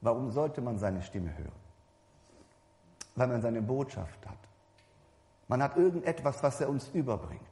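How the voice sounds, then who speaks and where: Male preacher, warm low-key timbre, loose and chatty sermon delivery, long church-hall reverb. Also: lively intonation, unhurried, pauses often. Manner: conversational, addresses the congregation directly, repeats and corrects himself.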